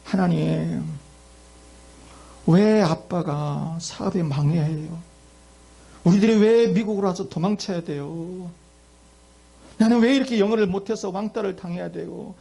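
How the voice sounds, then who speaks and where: A man's voice: high-pitched, measured pace, gravelly, pauses often, dark tone, husky, voice pushed up, heavily acted. A man voicing a young schoolboy who cries out to God in pleading, tearful questions. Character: young boy crying out to God.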